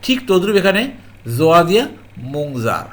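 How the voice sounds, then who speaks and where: Slow, patient male Quran grammar teacher. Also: high-pitched, sing-song. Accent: Bangladeshi Bengali. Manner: slow, repetitive explanation with frequent "ji" and "alhamdulillah"; addresses viewers as "priyo mohtaram" and checks understanding. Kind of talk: online grammar lesson.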